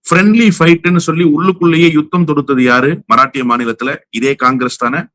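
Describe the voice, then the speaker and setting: A man's voice: fairly high pitch, steady tone, a little fast, fairly bright tone. Combative man firing rhetorical questions. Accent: Tamil. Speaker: political commentator guest. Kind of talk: heated political commentary.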